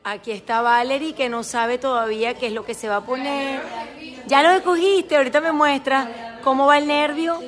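A woman chats casually in an Instagram story, promotional and gushing as she shows her store event to followers. Her voice sits high, steady and a bit bright at a normal speed, with soft background music; she holds the phone at the busy indoor event, a crowd chattering behind.

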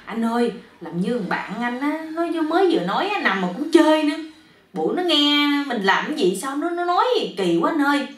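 A whiny, embarrassed young wife, as a woman plays her, pleading with her husband in a lilting, high voice. The voice is roomy and a little distant from the mic. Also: sing-song, brisk.

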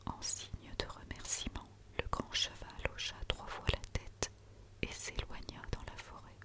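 A woman reads a story aloud in a quiet, soothing night-time whisper, as in ASMR, close to the microphone. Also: unhurried. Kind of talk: whispered ASMR reading of a children's tale.

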